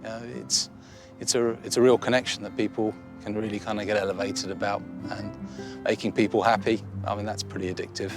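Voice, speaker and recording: A man appears as a guest on a cookery show, talking in a friendly, chatty way and often pausing on fillers. His voice is fairly low for a man. Soft music plays faintly in the background. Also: flat delivery. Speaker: smokehouse owner, guest. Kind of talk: casual interview chat.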